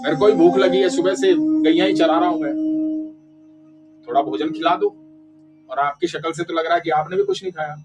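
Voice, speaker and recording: A man voicing a sweet young cowherd boy who pleads and coaxes, heard from a distance over loud flute music. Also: on the high side, fairly even intonation, a little fast, long pauses, natural voice. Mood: coaxing. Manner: pleading, coaxing.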